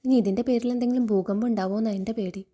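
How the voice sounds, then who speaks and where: Woman reading shy young maid, polite, mellow voice. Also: mid-range voice, fairly even intonation, rapid-fire, close to an everyday voice.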